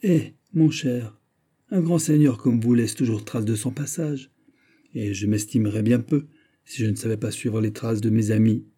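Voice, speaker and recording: A man's voice: medium pitch, moderate pace, dark tone, husky, lightly acted. D'Artagnan, wry shrewd musketeer read by a man. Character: shrewd quick-witted male musketeer, middle-aged.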